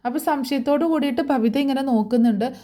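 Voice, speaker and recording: A woman's voice: high voice, quick pace, background noise. A woman narrating a casual spoken recap of a TV serial, chatty, with many fillers and tag questions.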